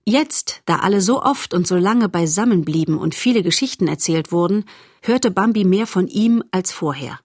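A woman reading a children's novel aloud as narrator, in a steady, expressive storytelling manner. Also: on the low side, normal speed, no room sound, clean studio sound.

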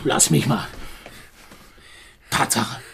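A man's voice: mid-range voice, extremely slow, a bit bright, a little hiss or hum, exaggerated voice. An actor playing a stubborn balcony owner in a radio drama who tells tall tales and bosses his friend around. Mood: agitated. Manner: gruff, possessive, bossy.

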